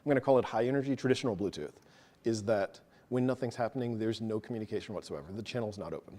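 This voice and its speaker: A man presenting a technical talk to a live audience, quick and casual, joking about himself. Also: fairly low pitch, mellow. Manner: fast, casual, self-deprecating. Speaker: meetup presenter. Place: meeting room with an audience.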